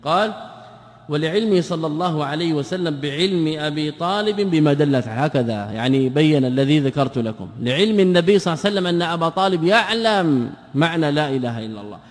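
Sheikh giving a lesson, fairly high voice, asks himself questions then answers, long hall echo. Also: male voice, animated, fast. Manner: explains by asking and answering his own questions. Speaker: sheikh teaching a text. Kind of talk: classroom lesson on creed and grammar.

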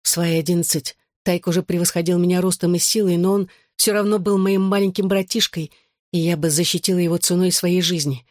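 A man's voice: sits high, fairly even intonation, brisk, darkish tone, dry recording, clean studio sound. A man reading a novel aloud in the first person, narrating steadily. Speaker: audiobook reader.

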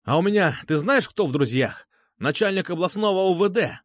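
A man's voice: animated, a little fast, no room sound. A man voicing an arrogant, whiny male blogger who blusters and threatens in an audiobook. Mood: blustering threats. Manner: shrill, blustering, indignant. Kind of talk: audiobook character voice.

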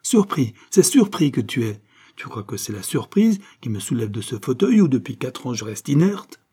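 A man's voice: mid-range voice, sing-song, moderate pace, mellow, slightly rough. A man reading aloud, voicing a proud, domineering old paralysed woman in indignant outbursts.

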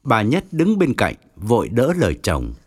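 A man narrating an audiobook story, expressive and wry. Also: medium pitch, moderate pace, breathy edge.

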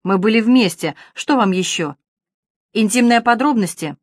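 A woman reader voicing a proud, sharp-tongued young woman who speaks in a cutting, challenging way. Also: mid-range voice, lively intonation, normal speed, no room sound, studio quality, natural voice. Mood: defiant.

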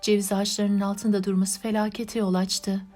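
Woman reading a gentle, anxious countess. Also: mid-range voice, level tone, normal speed, soft background music, lightly acted. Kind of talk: audiobook narration.

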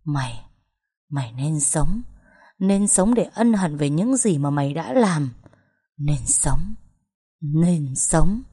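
A woman voicing a grief-stricken middle-aged man in an audio story, his words choked and breaking between low mutters and loud cries. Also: animated, slow, pauses often, husky, full character voice. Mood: bitter.

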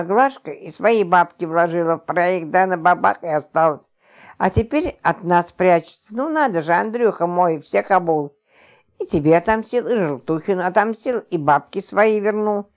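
A woman reading an audiobook, voicing a brash, coarse, scornful middle-aged wife with mocking, shrill scolding. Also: moderate pace, a little mellow, close to an everyday voice.

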